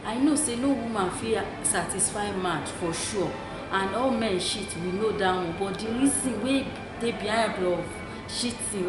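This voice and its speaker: A woman with a Nigerian accent giving opinionated, conversational advice as a co-host, emphatic and repeating her points. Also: mid-range voice. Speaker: talk show co-host. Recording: echoey room with clear noise.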